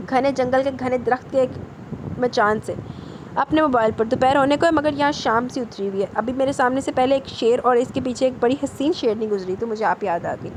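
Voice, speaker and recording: A woman's voice: high voice, slight background noise, natural voice, low-quality recording. A woman voicing a brash young gangster man who makes playful, boastful threats.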